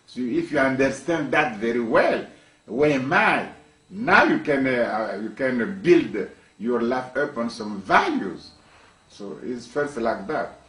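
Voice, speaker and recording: A man's voice: medium pitch, animated, slow, fairly bright tone. A man from Congo, a university professor, speaking in an interview with emphatic repetitions and frequent restarts. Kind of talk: interview monologue. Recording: echoey room, mic at a distance.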